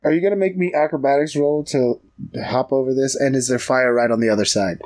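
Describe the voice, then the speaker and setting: A man's voice: medium pitch, fairly quick, a little mellow. A man playing a tabletop game, casually describing his character's actions in a blunt, wry way. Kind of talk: casual in-game role-play and banter.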